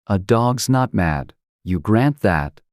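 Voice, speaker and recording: Woman as a sly mad talking cat, low voice, languid and teasing, storybook style, really dry recording. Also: lively intonation, slow pace, darkish tone, no room sound, full character voice. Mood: sly, matter-of-fact. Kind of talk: dramatized storybook reading.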